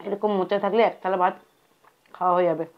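A woman's voice: medium pitch, fairly even intonation, racing. A woman hosting a casual eating show, chewing while talking and savoring her food as she comments. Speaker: food vlogger. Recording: dull lo-fi home recording.

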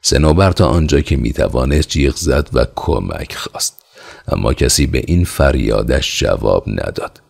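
A man narrating an audiobook in a steady, measured way. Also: a bass voice, vocal fry, breathy edge.

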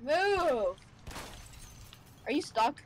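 Woman, high pitch, teasing bossy banter, faint background noise. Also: sing-song, drawn-out words, poor audio. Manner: bossy and teasing, playfully dramatic. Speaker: gaming video co-host. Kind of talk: casual gaming chat.

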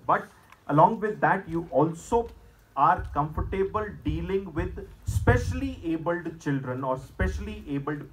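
A middle-aged man with an Indian accent lecturing students in an emphatic, measured way, as a career seminar presenter. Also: fairly high pitch, slight background noise, low-quality recording. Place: school hall stage, indoors at a podium.

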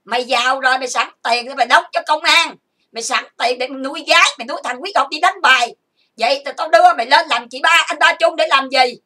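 A woman's voice: high-pitched, quick pace, bright, forceful tone, recorded from a distance. A woman streaming an angry rant, cursing and hurling accusations while lying down. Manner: profane, accusing, insulting. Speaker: online streamer. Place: lying down at home.

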